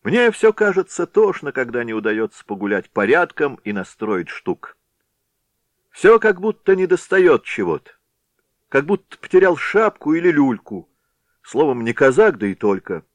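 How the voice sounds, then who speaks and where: A man voicing a burly young village lad, a rowdy prankster who talks loudly and eagerly. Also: medium pitch, very animated, normal speed, no echo, pitched above the performer's own voice, natural voice. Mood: boisterous. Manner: boisterous, eager.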